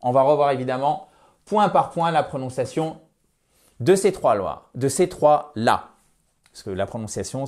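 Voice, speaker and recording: A man's voice: mid-range voice, darkish tone. Man teaching English in a lesson. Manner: explains step by step, slows down to model English words. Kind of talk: online language lesson.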